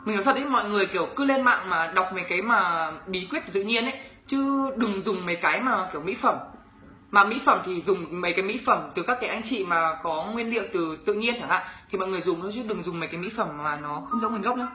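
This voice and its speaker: A man's voice: high-pitched, quick pace, sharp tone, reverberant. A young man from northern Vietnam with a Northern Vietnamese accent, chatting casually on a livestream, reading viewers' comments aloud and teasing them as he answers. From Bac Ninh, northern Vietnam. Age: young adult. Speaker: YouTuber answering viewer questions.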